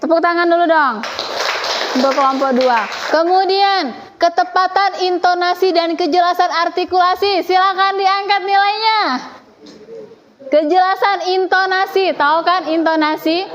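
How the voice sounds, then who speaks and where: A woman teacher leading a classroom, questioning and gently teasing her students as she runs the lesson. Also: very high voice, steady tone, moderate pace, highs cut off. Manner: playful, teasing, coaxing students.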